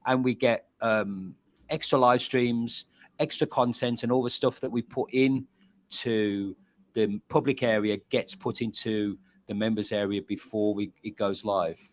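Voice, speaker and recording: A man, a pub and bar owner, chatting as a guest and telling animated stories, often repeating words. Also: on the low side, unhurried, dry recording. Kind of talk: casual chat.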